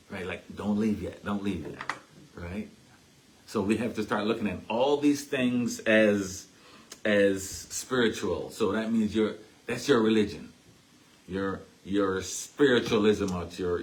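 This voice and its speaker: A man with a Caribbean accent gives a casual teaching talk at a spiritualist church, chatting away and ending his points with "right?". His voice is on the low side, and the low-quality recording carries slight background noise.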